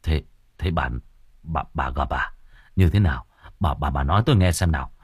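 A man's voice: very deep voice, normal speed, husky, no room sound, clean studio sound, pitched below the performer's own voice, exaggerated voice. A man voicing a worried elderly village husband in an audiobook horror tale, stammering uneasily. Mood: uneasy.

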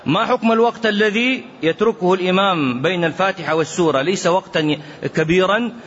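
Man, religious Q&A lesson, fairly high voice, muffled recording with faint hiss. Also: fast, fairly bright tone. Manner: earnest preaching, mixes classical and dialect, quotes others. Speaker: Islamic scholar answering questions. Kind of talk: religious Q&A lesson with colloquial asides.

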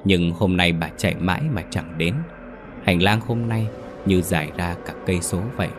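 A man's voice: deep voice, steady tone, normal speed, over music. A man narrating a ghost story and voicing all the characters himself. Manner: voices every character himself.

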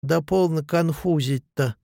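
A man's voice: fairly high pitch, unhurried, gravelly, mellow, no room sound, clean studio sound. A man reading the lines of an insolent young hanger-on who mocks and needles. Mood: sneering. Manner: mocking, needling.

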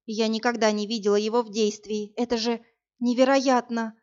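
A woman's voice: fairly high pitch, little pitch movement, normal speed, darkish tone, clear, resonant tone, highs cut off, voice pushed up, close to an everyday voice. A woman voicing a young witch girl who speaks in a snappy, teasing way. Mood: eager, snappy. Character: young witch girl, sharp-tongued, excitable.

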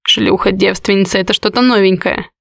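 A woman reading the lines of a brooding, harsh young man in an audiobook, in a low, curt, growling voice. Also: fairly even intonation, brisk, gravelly, fairly bright tone, dry recording, studio quality. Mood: furious.

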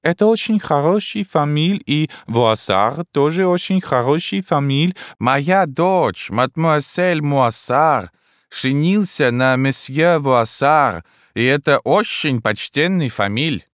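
A man's voice: animated, slow, a bit bright, no room sound, studio quality. A man voicing an indignant eighty-two-year-old Frenchwoman who speaks broken, foreign-sounding grammar. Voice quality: high, shrill.

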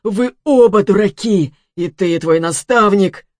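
A woman voicing a poisoned rich man who shouts and curses in a weak, wheezing voice. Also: a little slow, dry recording, studio quality. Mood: scornful boasting. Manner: shrill shouting, cursing.

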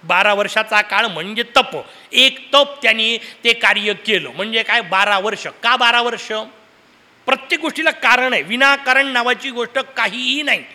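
A man's voice: extremely high pitch, normal speed. A man giving a devotional discourse, telling stories and asking the audience questions. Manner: lively storytelling with rhetorical questions to the audience. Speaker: preacher. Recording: long hall reverb.

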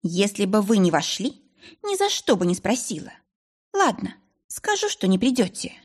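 A woman's voice: mid-range voice, sing-song, normal speed, breathy edge. A woman reading an audiobook, voicing a stern, blunt older housemaid who grumbles. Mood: grumbling.

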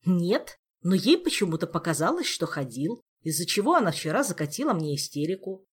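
A man's voice: high voice, very animated, brisk, husky, heavily acted. A man reading an audiobook, voicing an irritable, hungover king who snaps back sarcastically. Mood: indignant. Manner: snappish, sarcastic retorts.

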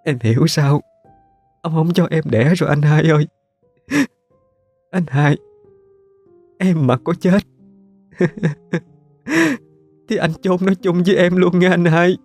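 A man's voice: fairly even intonation, takes it slowly, pauses often, darkish tone, no room sound, faint music behind. A man voicing a young woman in painful labor, pleading. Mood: tearful. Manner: pleading, high and fearful.

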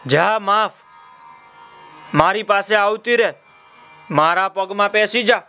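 Man playing a bossy little girl, high, scolding, slow. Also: a bit bright, smooth, faint music behind. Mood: firm. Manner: scolding, firm. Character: little girl Minu, firm and motherly.

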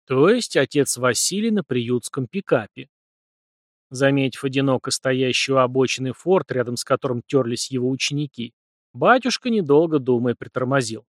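A man narrates a novel in an even, measured storytelling voice. His pitch sits mid-range, and the recording is dry and close with no room echo. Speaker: audiobook narrator. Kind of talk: scripted narration.

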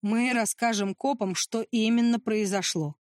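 Woman reading a calm soothing man. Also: a little high, no echo, clean studio sound, close to an everyday voice. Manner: soothing, measured.

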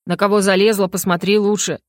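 A woman's voice: mid-range voice, little pitch movement, fast talker, dry recording, clean studio sound, lightly acted. A woman voicing a chatty male hedgehog who speaks bluntly and insistently.

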